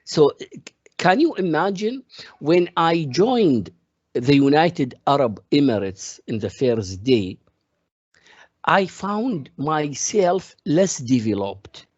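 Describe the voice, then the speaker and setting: A man's voice: fairly high pitch, big pitch swings, slow pace, breathy edge, no room sound, highs cut off. A man from Iraq, giving a classroom economics lecture and explaining each point step by step with examples. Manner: explains step by step through worked examples, calls on students.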